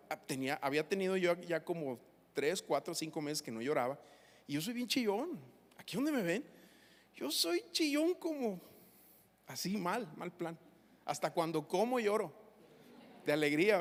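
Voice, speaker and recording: A man, a pastor preaching a sermon and telling personal stories in an animated, emotional way. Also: high voice. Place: church hall. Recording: reverberant church hall.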